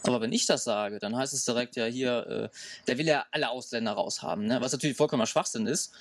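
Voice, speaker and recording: A man's voice: mid-range voice, fast talker, dry recording, distant mic. A man in his thirties being interviewed outdoors in woods, arguing his point emphatically. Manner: emphatic, argumentative.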